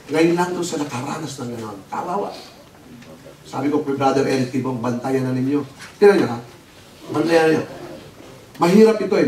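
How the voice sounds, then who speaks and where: High-voiced pastor preaching in echoey hall. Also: male voice. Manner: storytelling, animated, mixing English words. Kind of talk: sermon. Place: church hall. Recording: echoey hall, distant mic, noisy.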